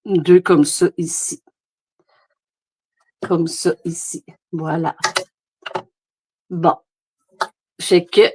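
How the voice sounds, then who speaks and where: This Québécois-accented woman speaks with a lowish, somewhat dark voice while showing how to make cards. It's a relaxed live craft demo captured on a phone camera, and she rambles on with plenty of fillers.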